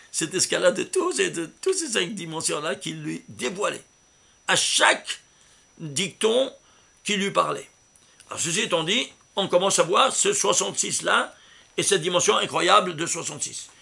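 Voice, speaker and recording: High gravelly voice of a rabbi teaching. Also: male voice, animated, moderate pace. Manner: asks the listeners rhetorical questions; emphatic, stresses words loudly. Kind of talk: Torah commentary with number interpretation.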